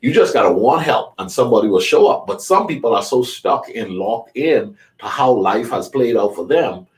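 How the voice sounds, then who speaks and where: A man's voice: mid-range voice, expressive, normal speed, recorded from a distance. A middle-aged man from the Bahamas speaking as a guest life coach, with an earnest, preacherly motivational delivery. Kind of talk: conversational talk show interview.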